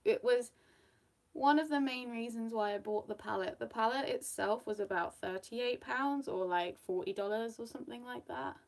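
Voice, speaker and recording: Pitched on the high side at a moderate pace, a young British makeup vlogger with a hint of Australian in her accent talks casually while applying makeup. Her get-ready-with-me chatter wanders, peppered with fillers and little laughs.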